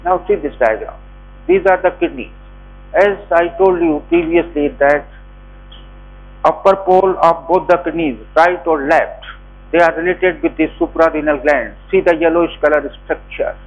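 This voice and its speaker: A man's voice: on the high side, normal speed, dull audio. A man with a North Indian accent teaching a class as a lecturer, giving step-by-step instructions in short phrases. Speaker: anatomy lecturer. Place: indoor lecture theatre.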